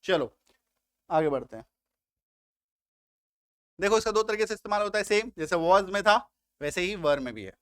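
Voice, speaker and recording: Male grammar teacher, high voice, dry close mic, patient and repetitive, checks understanding often, slightly under the weather. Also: expressive, moderate pace, long pauses, fairly bright tone, clean tone, dry recording. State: slightly unwell, coughing. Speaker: English teacher. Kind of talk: Hindi-medium spoken English grammar lesson.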